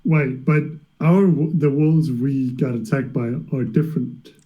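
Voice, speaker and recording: A man's voice: medium pitch, a little slow. A man chatting casually as a player in a tabletop game, on muffled, lo-fi audio. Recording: dull lo-fi voice audio.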